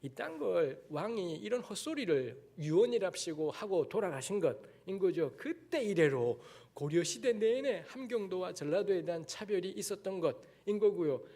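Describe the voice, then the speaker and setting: A man's voice: sits high, big pitch swings, normal speed, few pauses, mellow. A man from Daegu giving a lecture-style sermon as a guest preacher in a church, talking bluntly and candidly with frank asides. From Daegu, South Korea. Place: church sanctuary.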